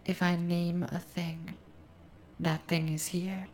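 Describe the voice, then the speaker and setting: A woman delivering a hypnotic, ASMR-like trance monologue in a slow, deliberate, soothing way, lingering on words, intimate and close as if right in the listener's ear. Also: fairly low pitch, level tone, a little mellow, a little hiss or hum. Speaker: hypnosis performer.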